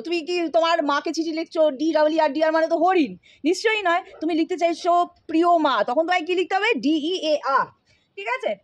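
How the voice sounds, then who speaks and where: A woman's voice: very high-pitched, dry recording. A woman giving a casual spoken English lesson, talking straight to her learners and often checking that they follow. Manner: familiar, addresses learners directly with frequent checks.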